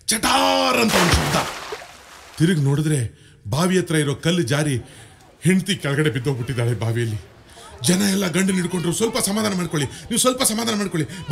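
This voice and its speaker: Male comic, storytelling stand-up, light higher voice, conversational. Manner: chatty joke-telling, shifting into voices. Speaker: comedian and mimic.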